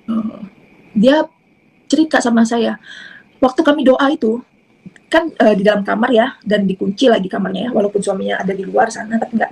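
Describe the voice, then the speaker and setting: A woman from South Sulawesi with a Bugis accent, giving a halting, unhurried personal testimony. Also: mid-range voice, gravelly, darkish tone, slightly rough, low-quality recording.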